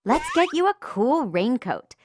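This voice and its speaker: A woman's voice: sits high, big pitch swings, unhurried. A woman voicing a perky, encouraging narrator for a children's makeover game, in an exclamatory, sing-song way. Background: music.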